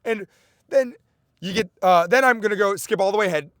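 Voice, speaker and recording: A man hosting a comedy podcast, rambling excitedly through a profane monologue full of sidetracks. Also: sits high, a little fast, no echo, clean studio sound.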